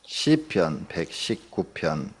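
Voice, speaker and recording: A man's voice: deep voice, very animated, slow pace, slightly rough. A man preaching a dawn sermon in a church, talking conversationally, asking the congregation questions and joking. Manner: acts out everyday people in quotes, joking. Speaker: pastor. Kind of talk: early-morning sermon.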